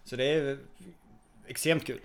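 A man co-hosting a casual tennis podcast, relaxed and hesitant, with many fillers. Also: mid-range voice, clean tone. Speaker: podcast co-host.

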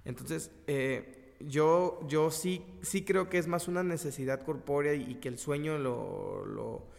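A man with a Mexican accent tells a long personal story in casual, slangy chat. He often stops and restarts his words. His voice sits a bit high, and a long reverb hangs on it. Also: unhurried, vocal fry, darkish tone.

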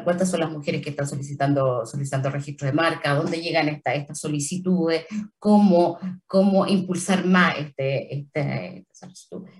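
A low-pitched, slightly mellow voice belongs to a woman with a Chilean Spanish accent, interviewed as a trademark office official. She explains with care, pausing on fillers and restarting phrases, her voice sitting a little away from the distant mic.

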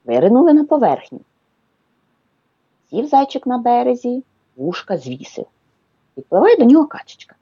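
A woman reading a children's story aloud as a radio guest, an expressive storyteller. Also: fairly high pitch, moderate pace, long pauses, breathy edge, no room sound, dull audio. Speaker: children's book reader, guest.

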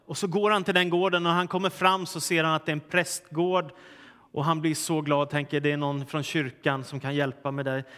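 A male pastor delivering a sermon, moving from a lively told joke into a measured scripture reading. His voice sits a little high for a man. The sound carries a long reverb, as in a church hall. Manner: storytelling, animated in punchlines.

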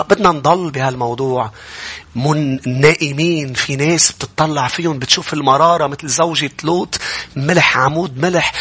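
Man, pastor, Lebanese accent, impassioned sermon, bright tone, husky. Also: a little high. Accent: Lebanese Arabic. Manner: impassioned preaching, swinging from quiet to loud shouts.

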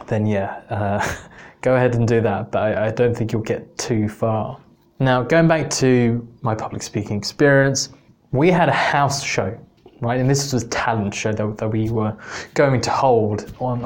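A man's voice: mid-range voice, darkish tone. A man from England telling a personal story on his podcast in a casual, rambling way, with many restarts. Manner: rambling, many restarts, self-mocking laughs. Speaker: podcast host.

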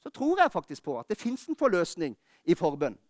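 High-voiced fervent preacher. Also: male voice, wildly swooping pitch, no echo, clean studio sound. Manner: fervent preaching that drops to quiet, intimate talk. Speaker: pastor. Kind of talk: sermon. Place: church.

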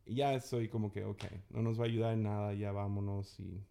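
A man's voice: lowish voice, level tone, a little fast, vocal fry, warm tone, smooth. A man, co-hosting a podcast and telling a story with exasperation, quoting what others said. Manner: exasperated, recounting with quoted dialogue. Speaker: podcast co-host. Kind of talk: casual storytelling chat.

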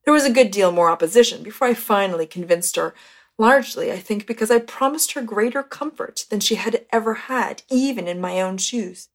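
A woman narrating a first-person memoir as an audiobook in a measured, steady storytelling manner. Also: medium pitch. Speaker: audiobook reader.

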